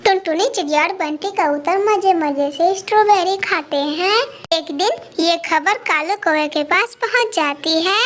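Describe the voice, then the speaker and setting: A woman narrating a cartoon story in a lively way, and speaking directly to her viewers. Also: very high voice, unhurried.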